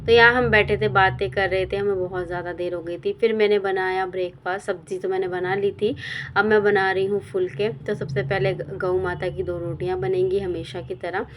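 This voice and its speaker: A young woman vlogger and housewife chatting casually and quickly while narrating her home routine. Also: mid-range voice, little pitch movement, slight background noise. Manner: chatty, fast-talking.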